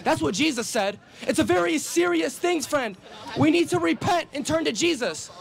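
A man's voice: extremely high pitch, animated, normal speed, gravelly. A man preaching on a city street outdoors, insistently quoting scripture and cutting in with questions.

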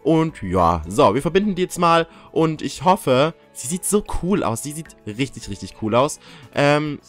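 A young man talks his viewers through a game in a loose, joking way, his pitch bouncing all over the place. He yelps and curses when something catches him off guard. Faint game music plays underneath. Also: a little slow. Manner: excitable, jokey, swears and yelps when startled. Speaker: gaming YouTuber. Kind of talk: casual let's-play commentary.

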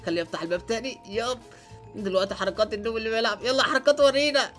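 Young male Egyptian let's-play host; very fast, high-set delivery, constant excited exclamations. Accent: Egyptian Arabic. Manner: excitable, lots of English exclamations. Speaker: gaming channel host. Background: faint background music.

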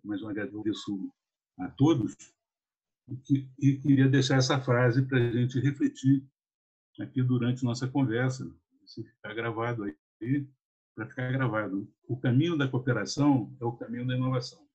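Man, webinar speaker, informal closing remarks, husky, muffled audio. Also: mid-range voice, moderate pace, a little mellow. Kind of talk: closing remarks on a video call.

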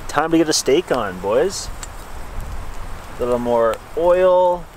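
A young outdoor vlogger cooks over a campfire in snowy woods, joking and bantering to the camera in a laid-back way. His voice is a little high and darkish, animated yet slow. The casual camp cooking vlog was recorded outdoors on a camera a few feet away, with rough quality and clear background noise.

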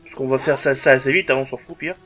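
A man's voice: mid-range voice, fairly even intonation, fast talker, a bit bright, faint music behind. A man giving casual let's-play commentary over a game, jokey and crude, swearing often and humming along.

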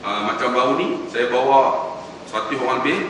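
A man's voice: medium pitch, brisk, slight background noise. A man with a Malaysian Malay accent giving a religious lecture, telling stories and often addressing the audience directly. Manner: storytelling, animated, addresses audience as tuan-tuan. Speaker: preacher. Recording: echoey hall, distant mic.

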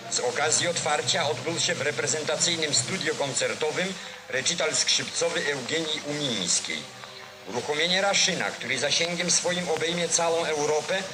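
Casting: male old newsreel narrator, solemn and declamatory, slightly high voice, vintage soundtrack with music behind. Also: poor audio. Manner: solemn, declamatory, formal delivery.

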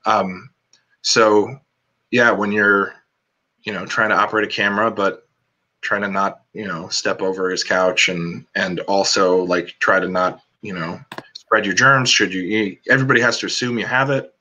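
A man speaks over a video call with a bright, forceful edge to his voice. He is a cinematographer chatting casually as a guest, filling his sentences with "like" and "um" as he rambles through his thoughts. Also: on the low side, steady tone, normal speed. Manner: rambling, many "like" and "um" fillers.

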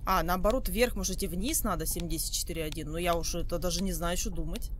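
A woman's voice: lowish voice, fast talker, background noise. A woman streamer giving casual horror game commentary, thinking aloud to herself in a puzzled way. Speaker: gaming streamer.

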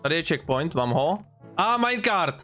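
A man casually chatting and joking with friends while playing a video game, excitable and playful. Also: loud music behind the voice. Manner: excitable, yelping up high when startled; playful jokey banter. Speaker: gaming YouTuber. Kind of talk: casual gaming chat with friends.

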